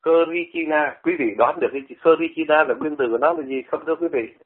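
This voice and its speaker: Rapid-fire and a little high, the voice belongs to an older Vietnamese man doing radio talk about language. He conversationally demonstrates pronunciation by repeating words, and the sound comes through a phone-like line.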